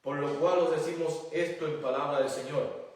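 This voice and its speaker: A male pastor delivers a sermon, reading scripture aloud before breaking it down with rhetorical questions. His voice sits a little high for a man. It comes from well away from the microphone and rings heavily around a church hall. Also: steady tone, normal speed, darkish tone. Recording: very echoey church hall, voice from a distance.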